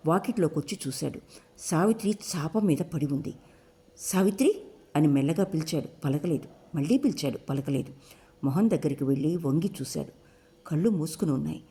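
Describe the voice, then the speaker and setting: Audiobook narrator, woman, warm low voice, steady measured delivery. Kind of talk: scripted narration.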